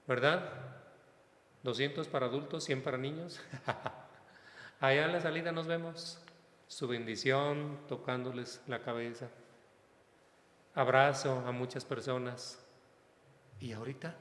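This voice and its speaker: A man with a Mexican accent, a parish priest giving a conversational sermon and speaking straight to his listeners in a lively way. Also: medium pitch. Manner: lively, talks straight to listeners, acts out everyday exchanges. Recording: echoey hall reverb.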